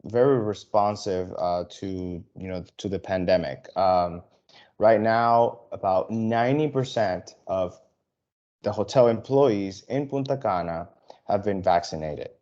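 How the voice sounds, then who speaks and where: A man from the Dominican Republic giving an airline sales webinar over a video call, halting and full of fillers and restarts. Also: lowish voice, a little mellow, muffled recording. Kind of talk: webinar presentation.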